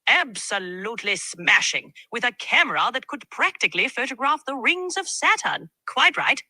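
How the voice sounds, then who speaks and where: A woman's voice: a little high, big pitch swings, moderate pace, bright, forceful tone, no room sound, pitched above the performer's own voice, exaggerated voice. An AI chatbot voice with a woman's sound, putting on a British accent as a jaunty tech enthusiast. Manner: jaunty, upbeat exclamations. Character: chipper British male-or-female tech enthusiast, gushing. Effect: synthetic AI chatbot voice.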